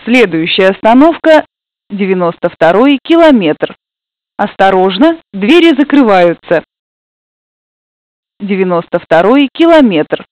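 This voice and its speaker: A woman making formal, measured stop announcements over a commuter train's public-address system. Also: mid-range voice, sing-song, dry recording. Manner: measured, formal, evenly spaced phrasing. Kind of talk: recorded station announcements. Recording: dull lo-fi, dry.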